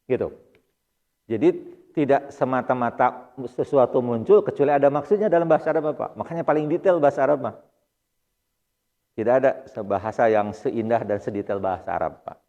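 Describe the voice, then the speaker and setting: A man with a Sundanese accent teaches Arabic grammar in a mosque, pausing often to address his listeners politely and check they follow. His voice carries a long reverb from the hall around him. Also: mid-range voice, dark tone, dull audio. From Indonesia. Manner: explains patiently, often addressing listeners as "Pak". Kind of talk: mosque study-circle lesson.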